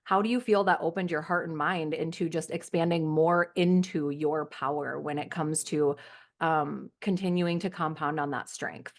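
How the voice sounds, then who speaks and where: Podcast host: young woman, lowish voice, rambling and emphatic. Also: fairly even intonation, normal speed. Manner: emphatic, rambling questions full of fillers. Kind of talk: casual chat.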